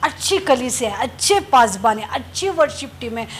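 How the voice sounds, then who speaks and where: A woman's voice: a little high, sing-song, moderate pace, a little hiss or hum. A woman pastor preaching a sermon, telling stories and repeating phrases for emphasis with calls of hallelujah.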